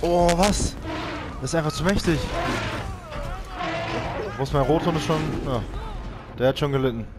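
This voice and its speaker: A man's voice: normal speed, pauses often. A young man commentating his own video game playthrough, often frustrated and exclaiming as he plays. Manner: frustrated, exclaiming, shouts high-pitched for help in panic. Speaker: let's play gamer. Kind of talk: let's play commentary.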